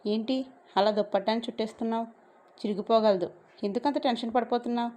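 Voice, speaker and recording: A woman's voice: fairly high pitch, fast, dark tone, close to an everyday voice. A woman voicing a brash young man who bosses and teases a girl in a romance story. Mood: teasing. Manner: bossy and mocking.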